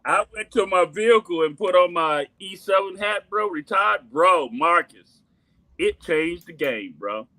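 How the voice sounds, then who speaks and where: A man's voice: high-pitched, lively intonation, unhurried, bright, forceful tone, no room sound. A middle-aged man co-hosting, chatting casually and animatedly, calling the others bro. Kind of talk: casual chat.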